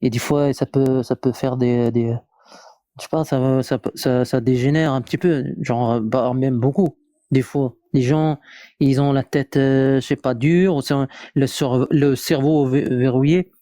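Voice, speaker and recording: A man's voice: mid-range voice, steady tone, a little slow, mellow, no echo, clean studio sound. A man from Morocco speaking French with a foreign, Moroccan accent in a casual live debate, often searching for words and repeating himself. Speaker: live discussion participant.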